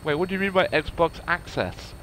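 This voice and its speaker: A man's voice: fairly high pitch, expressive, moderate pace, a bit bright, a little hiss or hum, low-quality recording. A man giving casual, chatty commentary while playing a game, full of self-deprecating asides. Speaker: let's play host.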